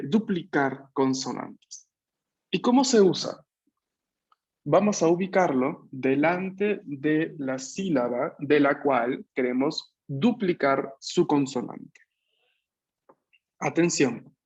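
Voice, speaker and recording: A man teaching an online language class, explaining patiently, repeating key points and checking that students follow. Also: a little high. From Peru. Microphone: video call. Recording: slightly muffled video-call audio.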